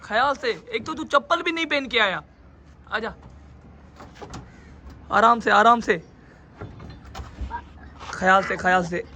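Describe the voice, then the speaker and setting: A man's voice: sits high, slow pace, long pauses, pushed and bright, a little hiss or hum. A young man chatting casually in a pet vlog, coaxing and scolding a child while handling birds by the cages. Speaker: pet vlogger.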